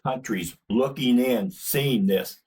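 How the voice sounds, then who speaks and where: Slow, husky, indignant man ranting. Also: medium pitch, a little mellow, low-quality recording. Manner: blunt, indignant, swears. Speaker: channel host. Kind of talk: political opinion rant.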